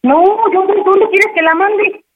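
A woman's voice: extremely high pitch, fairly even intonation, unhurried. A woman on the phone, praying fervently and then pleading in alarm. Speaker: prank call victim. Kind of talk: frantic phone conversation and praying. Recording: noisy phone line.

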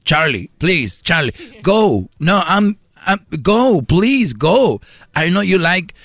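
A man's voice: high-pitched, sing-song, takes it slowly, fairly bright tone, no room sound, voice pushed up, full character voice. A man voicing a passive-aggressive, guilt-tripping young girlfriend who pleads in a sing-song voice. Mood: pleading. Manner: sing-song, mixes English and Spanish, sighing and pleading.

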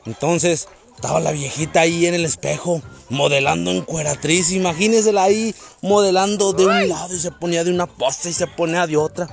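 A man from Mexico, calling in and slowly telling a joke. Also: a little high, fairly even intonation, creaky, faint music behind. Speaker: caller.

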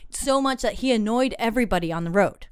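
A woman's voice: on the high side, animated, fast talker, smooth, dry recording, studio quality. A woman co-hosting a podcast, telling a story in a loose, chatty way with fillers and restarts. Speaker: podcast co-host. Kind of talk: casual storytelling chat.

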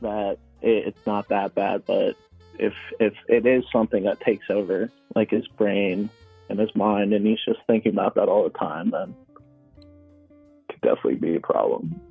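Caller, young man on speakerphone, gravelly, hesitant casual talk, tinny phone line. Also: lowish voice, steady tone, normal speed, no echo, soft background music. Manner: hesitant, restarts often, agreeable. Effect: on speakerphone over a phone line. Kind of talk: casual chat.

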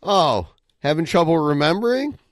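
A man debating casually in a mocking, skeptical way. His pitch moves around a lot, and the sound is dry and close. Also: very animated, normal speed, no room sound.

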